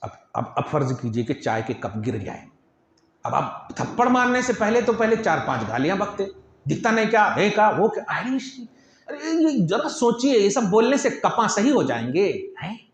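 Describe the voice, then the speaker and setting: A man's voice: high voice, moderate pace. A man preaching a sermon, asking rhetorical questions and acting out bits of speech. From Hyderabad, India. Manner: animated, rhetorical questions, acts out quoted speech. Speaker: Islamic preacher. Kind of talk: Urdu sermon with personal anecdotes. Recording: echoey, dull lo-fi hall recording.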